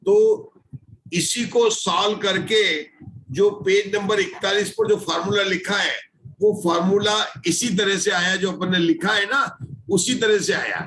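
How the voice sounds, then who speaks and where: A man's voice: sits high, unhurried, fairly bright tone, echoey room, a little hiss or hum, low-quality recording. A man teaching an online scripture class, patiently explaining formulas step by step and checking often that everyone follows.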